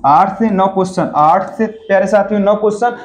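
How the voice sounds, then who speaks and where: Man, exam coach, high pitch, quiz-drill revision class, repeats every answer, chummy and coaxing. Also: a little fast. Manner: asks each question, then repeats the answer for emphasis; informal and coaxing, calling students friends.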